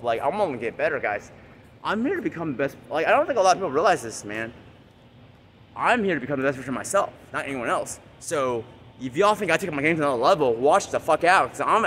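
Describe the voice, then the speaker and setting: A man's voice: a little high, fairly bright tone, a little hiss or hum. A man vlogging motivational advice in a boastful, hyped way, swearing freely. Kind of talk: casual motivational monologue.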